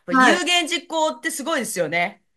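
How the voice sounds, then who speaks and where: A woman's voice: sits high, brisk. A middle-aged woman hosting a casual podcast interview, encouraging her guest and laughing often. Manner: warm teasing, laughs often, lively cheering. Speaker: podcast host.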